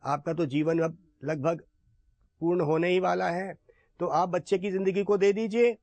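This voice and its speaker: A man voicing a calm, wise old male guru who speaks gently to grieving villagers. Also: high voice, moderate pace, no echo.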